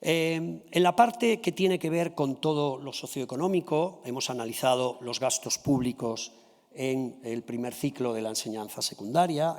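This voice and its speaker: A Spanish-man delivers a formal conference talk in a mid-range voice. He courteously walks the audience through his findings, pausing to check they follow. The sound carries the long reverb of a large hall. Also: mid-range voice. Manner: addresses the audience politely, checking in with a quick "¿sí?" or "¿vale?". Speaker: conference speaker presenting a comparative study.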